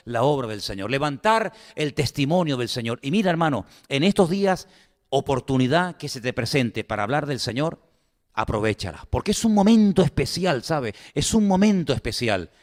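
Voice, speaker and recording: A male pastor delivering an animated, conversational sermon to his congregation, full of rhetorical asides. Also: on the high side, big-room sound. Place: church.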